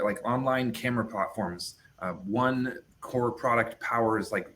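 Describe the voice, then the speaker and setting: Man, casual guest panelist, video call, relaxed, fillers, faint background hiss. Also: medium pitch. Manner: relaxed, self-deprecating, many fillers. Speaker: company co-founder and guest panelist. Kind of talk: casual webinar chat.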